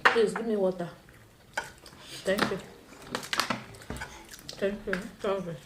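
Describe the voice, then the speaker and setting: A woman's voice: medium pitch, fairly even intonation, slow pace, very noisy. A woman with a Nigerian accent in casual, playful banter with her spouse, talking while she eats. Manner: giggly, playful; talks while eating. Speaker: mukbang vlogger playing a prank on husband.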